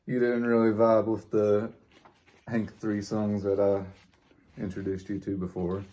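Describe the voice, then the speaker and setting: A man with a lowish, very mellow voice talks casually with a friend. He is a bit hesitant, often thinking out loud as he goes. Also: level tone, unhurried. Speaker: guest on a friend's food vlog. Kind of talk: casual chat about favorite music.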